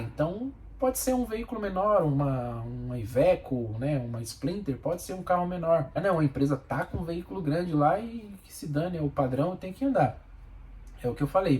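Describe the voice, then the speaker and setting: Speaking Portuguese in a Brazilian accent, this bus driver vlogs casually, laying out plain-spoken opinions and repeating points to drive them home. His man's voice sits on the high side, with a little hiss or hum in the audio.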